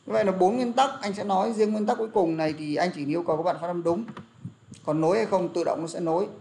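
A man's voice: high-pitched, fast, gravelly, mellow. A young man teaching an English lesson, explaining pronunciation and drilling words aloud, with frequent fillers. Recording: faint background noise and clicks.

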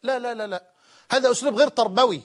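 A man's voice: very high voice, rapid-fire. A man with an Egyptian Arabic accent preaching an Islamic sermon, switching between classical Arabic and dialect, emphatic and pleading.

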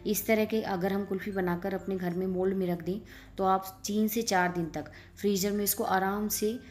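A woman hosting a cooking channel, calmly explaining each step of a recipe in a voice-over and speaking straight to the viewers. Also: mid-range voice, normal speed, soft background music. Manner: calm step-by-step instructing, addressing viewers directly.

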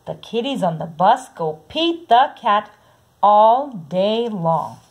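A woman reads a children's book in an unhurried, sing-song manner. Her voice is a little breathy and soft-edged. She says the repeated sound words quietly and keeps an easy, steady rhythm. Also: medium pitch. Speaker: storybook reader. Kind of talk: reading a picture book aloud.

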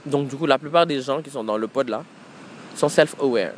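Man, podcast host, casual monologue, reflective, restarts often, mid-pitched voice. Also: normal speed, slight background noise. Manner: reflective, repeats and restarts words, mixes in Wolof and English.

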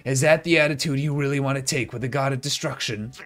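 A man's voice: medium pitch, steady tone, fast talker, fairly bright tone, faint music behind, lightly acted. A man voicing a haughty, hungry god of destruction from a video game, pompous and demanding. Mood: imperious. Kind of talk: video game dialogue read aloud.

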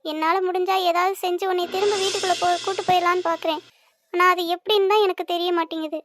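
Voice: extremely high pitch, fairly even intonation, fast. A performer voicing a remorseful young woman from a rich family who pleads and apologizes in a cartoon. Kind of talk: cartoon voice acting.

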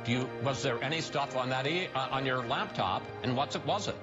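A man's voice: medium pitch, brisk. A man in his sixties interviewing in a studio, pressing with repeated direct questions. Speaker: TV news interviewer. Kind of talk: political TV interview. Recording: muffled broadcast audio with music behind.

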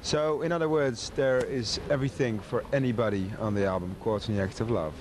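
A man's voice: mid-range voice, fairly quick, noisy background. A man in his twenties from the Netherlands, answering playfully in an interview. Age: 20s. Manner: playful, joking. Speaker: pop singer.

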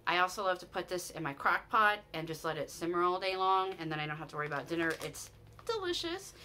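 A woman's voice: on the low side, lively intonation, quick pace, sharp tone, a little hiss or hum. A woman in her forties with a Utah American accent, chatting enthusiastically to camera in a shopping haul video from a small room at home. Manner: chatty and enthusiastic, with frequent restarts and "you guys". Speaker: vlogger. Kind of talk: casual haul chat to camera.

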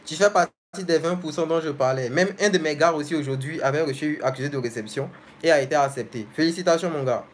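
A man's voice: a little high, fast. A young man hosting a casual live stream, reading viewers' comments aloud and answering each one directly and familiarly.

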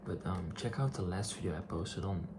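A man in his twenties speaking in a hushed, hesitant, soft-spoken ASMR manner in a small bedroom. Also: lively intonation, normal speed. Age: 20s. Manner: hushed, low-key and hesitant. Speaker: ASMR video creator. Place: small attic bedroom, indoors. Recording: loud clicking and tapping noise. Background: clicks, tapping and object handling.

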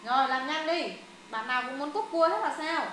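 A woman tutor with a high, bright voice runs students through exam questions. She is brisk and directive. She corrects wrong answers firmly and keeps the drill moving. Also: animated, a little hiss or hum. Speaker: English tutor.

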